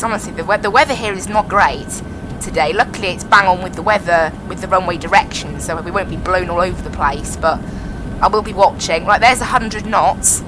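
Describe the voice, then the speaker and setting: Over poor audio, a woman with a medium-pitched voice streams herself flying a simulated airliner. Talking casually into a pilot headset, she explains every step as she flies and often says "I have to be honest."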